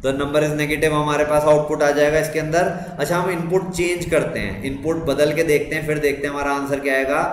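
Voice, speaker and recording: A man's voice: on the high side, fairly even intonation, fairly quick, few pauses. A young man with an Indian English accent teaching a live online computer class, repeating questions and praising students' answers. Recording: echoey room with faint noise.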